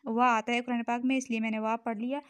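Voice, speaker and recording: A woman with a Pakistani Urdu accent teaching Quran recitation rules, patiently repeating each word slowly and checking in with her listeners. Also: fairly high pitch, flat delivery, fairly bright tone, clear, resonant tone, dry recording. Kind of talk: tajweed lesson explanation.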